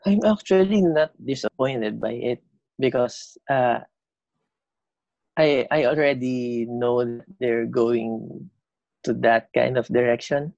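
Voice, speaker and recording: A man with a slight lisp, a band vocalist chatting as a podcast guest, talking haltingly with many fillers and restarts. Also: medium pitch, vocal fry, darkish tone, no room sound, lo-fi sound. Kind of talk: casual interview chat.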